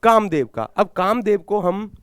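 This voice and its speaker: A man with a Haryanvi accent leads a live exam-prep class in a fairly high, clean voice. He fires questions at his students and answers them himself, repeating each key term. His throat is a little sore, and the sound is dry and close. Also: a little slow, clear, resonant tone, no echo. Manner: repeats key words, calls himself guruji. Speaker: Hindi exam teacher.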